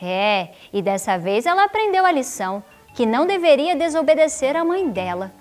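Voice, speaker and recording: A woman with a high, bouncy voice tells a children's tale slowly and expressively, stretching her words and leaning into playful asides to the listeners. Faint music plays softly underneath. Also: very animated. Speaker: children's storyteller. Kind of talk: storytelling for children.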